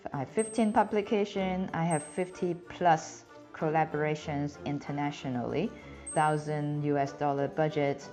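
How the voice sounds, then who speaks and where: Her voice is low and darkish: a Cantonese-speaking woman in her thirties from Hong Kong, with the accent to match, giving career advice on video. She talks earnestly to a camera that frames her mid-shot, explaining clearly in slightly non-native phrasing. The small room behind her is plain, and the recording sounds a bit dull, with faint music underneath.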